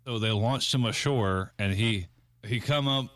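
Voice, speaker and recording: A man's voice: on the low side, unhurried, fairly bright tone, no room sound, studio quality. A man co-hosting a podcast, telling stories crudely with heavy swearing. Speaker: podcast co-host. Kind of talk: casual profane chat.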